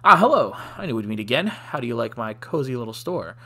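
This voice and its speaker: A man voicing a shifty male bug shopkeeper in a video game, with a put-on Russian accent and smooth sales patter. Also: mid-range voice, very animated, quick pace, pushed and bright, full character voice. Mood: welcoming.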